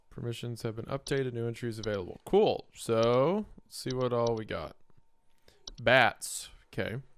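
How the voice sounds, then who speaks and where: A man's voice: mid-range voice, slight background noise. A man doing casual let's-play commentary, muttering reactions and reading game text aloud. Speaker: gaming video host.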